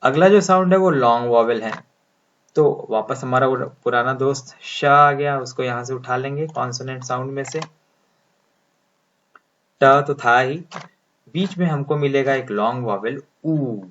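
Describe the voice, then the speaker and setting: Slow, deliberate teacher, muffled audio. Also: male voice, mid-range voice, fairly bright tone. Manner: slow, deliberate, drawing out sounds as he writes symbols. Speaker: English pronunciation teacher. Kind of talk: explaining lesson, speaking Hindi. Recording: dull lo-fi sound.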